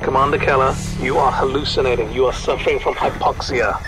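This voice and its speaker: A man's voice: medium pitch, fairly even intonation, brisk, music in the background, close to an everyday voice, poor audio. A man acting as an anxious astronaut mission specialist in an audio drama, urgent and worried. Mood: alarmed.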